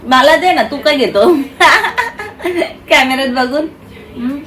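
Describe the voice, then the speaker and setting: A woman's voice: high voice, animated, slow pace, fairly bright tone, roomy sound. A woman vlogger, chatting casually to her viewers and talking baby talk with a toddler. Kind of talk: casual vlog chat.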